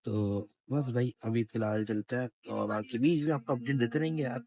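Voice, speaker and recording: A man's voice: mid-range voice, fairly even intonation, brisk, mellow, no room sound. Chatty young Pakistani man vlogging. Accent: Pakistani Urdu. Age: young adult. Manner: chatty, keeps asking "right?" and calling viewers "bhai". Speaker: travel vlogger. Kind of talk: casual travel vlog. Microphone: handheld phone.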